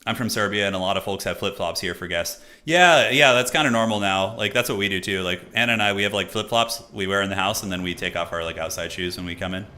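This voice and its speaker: This is a man in his thirties talking casually to his stream chat and then calling a strategy game match. His voice sits a little low but has a bright, forceful edge. He rambles, restarts his sentences and scatters fillers throughout. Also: quick pace, hardly any pauses. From United States. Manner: loose and chatty, many fillers and restarts, reads chat aloud. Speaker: streamer and caster.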